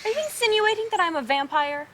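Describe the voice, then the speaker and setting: A woman's voice: very high voice, animated, fast talker, a bit bright. Woman playing a prim, pompous young rival. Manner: stiff formal diction, indignant. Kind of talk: comedy web series acting.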